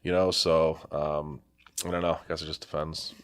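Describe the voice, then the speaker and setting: A man's voice: a bass voice, level tone, normal speed, clean tone. A middle-aged man, a property manager, chatting casually and bluntly, with lots of restarts. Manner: rambling and blunt, with many restarts. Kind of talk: casual storytelling chat.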